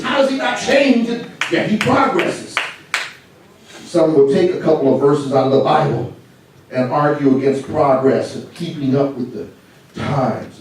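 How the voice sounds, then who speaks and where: A man preaching a sermon in an animated, mocking way, with laughing asides. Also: a little high, background noise. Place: church sanctuary. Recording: echoey church from far off with congregation.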